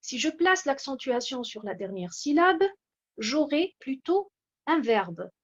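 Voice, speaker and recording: A woman giving a measured, explanatory lecture from slides, pausing often with hesitations. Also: a little high, muffled recording. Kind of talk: slide-based lecture on word stress.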